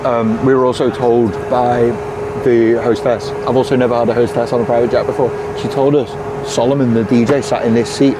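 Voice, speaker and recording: A young man hosting a casual vlog, excitable and quick to laugh, swearing freely as he chats to camera. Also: mid-range voice. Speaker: DJ and vlog host. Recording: clear background traffic noise.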